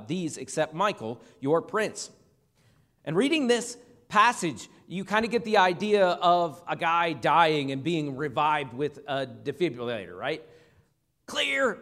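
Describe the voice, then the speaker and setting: High-voiced male pastor in a reverberant hall. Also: fairly bright tone. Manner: conversational, with humorous asides to the congregation. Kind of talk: sermon, Bible teaching. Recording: long reverb of a large hall.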